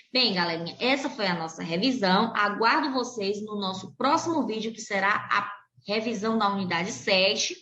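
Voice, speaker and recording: A Brazilian woman teacher with a Brazilian Portuguese accent, reviewing a lesson for children and slowly spelling out example words. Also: mid-range voice, bright, forceful tone. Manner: slow, deliberate pronunciation of example words. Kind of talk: recorded classroom lesson for children. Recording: roomy, dull lo-fi recording.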